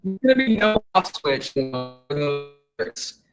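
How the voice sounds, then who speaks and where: A man's voice: fairly high pitch, expressive, measured pace, over music, poor audio. A man speaking over a video call whose audio keeps cutting out and freezing, his words stumbling and chopped up in casual chat.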